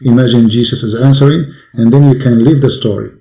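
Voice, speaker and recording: A man's voice: medium pitch, fairly even intonation, brisk, vocal fry, mellow, echoey room, low-quality recording. A man preaching to a caller with great passion. He fires off repeated rhetorical questions and speaks English with non-native grammar.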